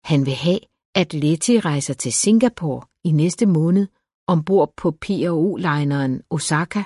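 A woman narrator reads a blustering older earl, eager and indulgent, coaxing his daughter like a child. Her own low, warm reading voice carries him with little disguise. A storybook voice recorded close and dry. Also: slightly rough, dry recording. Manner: excited, coaxing. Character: older aristocratic earl, blustering, fond father.

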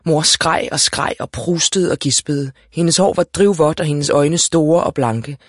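A man narrating a first-person storybook in a lively, wry way. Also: on the high side, no room sound, studio quality. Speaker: audiobook narrator.

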